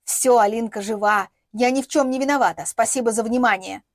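A woman's voice: on the high side, brisk, no room sound, clean studio sound, natural voice. A woman voicing a bitter, defiant young woman who sneers and speaks vehemently, in an audiobook.

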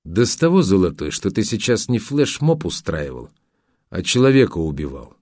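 A man's voice: low-pitched, sing-song, normal speed, darkish tone, dry recording, studio quality. A man playing a blunt, pressing journalist. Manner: pressing, contemptuous and firm. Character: determined young male journalist, blunt and accusing. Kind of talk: audiobook character voice.

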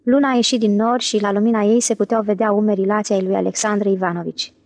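Woman, audiobook narrator, steady reading, middle pitch, dry sound. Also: no echo. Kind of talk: scripted narration.

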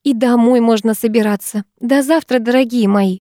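A woman's voice: on the high side, moderate pace, warm tone, dry recording, clean studio sound, pitched above the performer's own voice, lightly acted. A woman voicing a fussy, proud middle-aged chemistry teacher who coos and gushes over her favorite pupil, in an audiobook reading. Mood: gushing. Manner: cooing, solemn, gushing.

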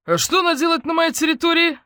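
A woman's voice: fast, sharp tone, dry recording, studio quality. A woman voicing a flustered, blustering elderly male neighbor, a retired colonel, in an audiobook. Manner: shrill, blustering.

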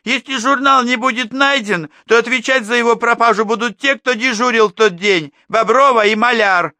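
A loud, piercing schoolteacher woman, pitched far up and squealing at the parents. Her indignant, shrill voice has a bright, sharp edge, sounding close and dry, as a male reader puts her on. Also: expressive, normal speed, no room sound. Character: shrill indignant female schoolteacher, middle-aged. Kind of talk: audiobook character voice.

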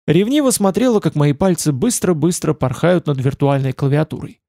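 Gravelly male audiobook narrator. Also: fairly high pitch, normal speed, dark tone, no room sound, studio quality. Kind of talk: first-person novel narration.

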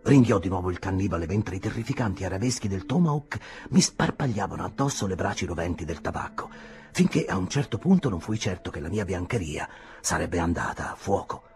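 A man reading a classic novel aloud in a dramatic, expressive style. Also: low voice, a little fast. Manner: dramatic, shifts pace and loudness with the story. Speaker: audiobook reader. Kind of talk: expressive literary narration.

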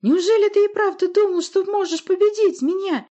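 A woman's voice: very high-pitched, a little fast, mellow, pitched above the performer's own voice. A woman voicing a mad young witch in an audiobook, with a piercing, squealing voice, shrieking orders and insults. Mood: shrieking, frenzied. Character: shrill mad young witch, screeching and cruel. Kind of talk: audiobook character voice.

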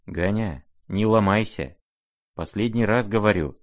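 A man's voice: fairly low pitch, measured pace, dry recording, natural voice. A man voicing a proud, reckless young woman who gives orders in an imperious, scornful way, read in an audiobook. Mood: defiant. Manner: imperious, commanding.

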